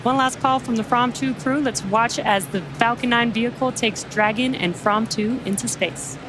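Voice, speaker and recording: A woman's voice: a little high, moderate pace, music in the background, poor audio. A woman hosting live launch commentary, explaining each step in an upbeat manner. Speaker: launch webcast host.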